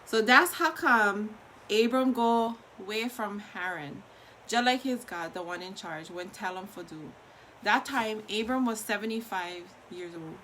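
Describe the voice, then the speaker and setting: Woman, bright voice, hawaiian pidgin, reading bible stories out loud, bit of background noise. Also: medium pitch, unhurried, poor audio. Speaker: host of a daily online Bible reading.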